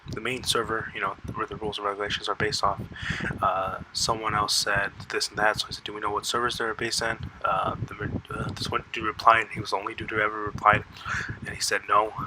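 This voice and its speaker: A man's voice: lowish voice, level tone. Guy rambling into a desk mic, lots of ums and restarts, faint hiss behind. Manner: halting, many fillers and restarts. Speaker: YouTuber. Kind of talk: casual rambling commentary. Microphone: close desk mic.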